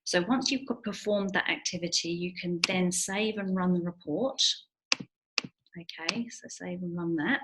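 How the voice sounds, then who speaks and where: A woman hosting a software tutorial, walking through the steps in a relaxed, explanatory way with frequent ums. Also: on the low side, a little slow, noisy background. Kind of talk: screen-share tutorial walkthrough.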